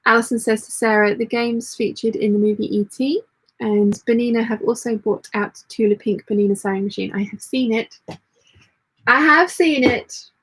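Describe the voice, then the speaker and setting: Slightly husky, higher-pitched woman chatting while sewing. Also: little pitch movement, fairly quick, low-quality recording. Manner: muttering commentary while working; reads chat messages aloud. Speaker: sewing livestream host. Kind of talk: casual live sewing chat, talking through the work.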